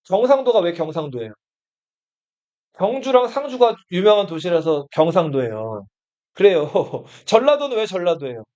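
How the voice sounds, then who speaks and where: In a study room classroom, a man with a high-pitched, slightly mellow voice gives a Korean history lesson to students. He asks the class question after question and answers each himself. The recording sounds dull and lo-fi.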